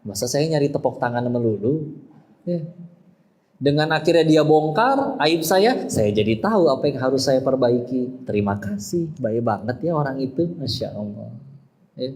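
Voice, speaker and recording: A man's voice: medium pitch, expressive, moderate pace, darkish tone. A man giving a humorous, playful sermon to women, acting out quotes and imagined objections. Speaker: preacher.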